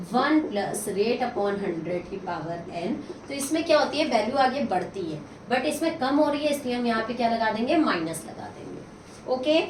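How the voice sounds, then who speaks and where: High-voiced woman teaching maths, echoey room. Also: recorded from a distance. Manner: asks and answers her own questions; counts out sums aloud, mixing in English. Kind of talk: step-by-step maths lesson. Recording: echoey room, voice from off the mic, steady noise.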